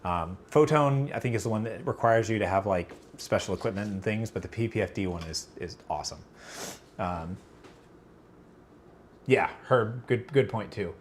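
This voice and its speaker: A man with a fairly low, expressive voice answers chat on a casual livestream at normal speed, circling his points with fillers, restarts and self-corrections. He's battling allergies and seems about to sneeze, with a faint room hum behind him.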